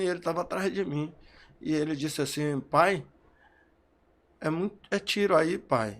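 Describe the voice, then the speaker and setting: A man, a grieving father, telling what happened in halting, repeated phrases while emotional. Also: on the high side. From Brazil. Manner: halting, repeating phrases, voice rising when recalling shouts. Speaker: bereaved father interviewed. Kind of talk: emotional testimony.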